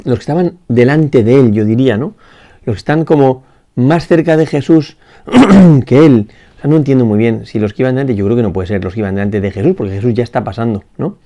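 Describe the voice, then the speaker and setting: Mellow-voiced man giving a reflective meditation. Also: medium pitch. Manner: unhurried and reflective, with many pauses, restarts and tag questions. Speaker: priest. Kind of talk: spoken meditation on a Gospel passage. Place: parish church.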